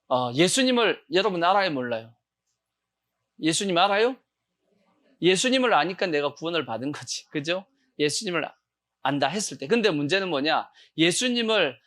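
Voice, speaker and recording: A man preaches to his congregation in a fairly high voice, firing rhetorical questions at them and answering them himself. At times he jumps into loud, acted shouts to drive a point home. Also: sing-song, moderate pace, long pauses. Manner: call-and-response questioning of the congregation. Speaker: pastor. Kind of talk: sermon. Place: church sanctuary.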